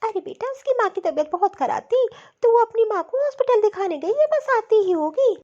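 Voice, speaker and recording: A woman voicing a gentle, caring older mother-in-law in a cartoon story, talking softly and fondly. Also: very high voice, animated, fairly quick. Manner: soft, fond, soothing. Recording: dull lo-fi audio.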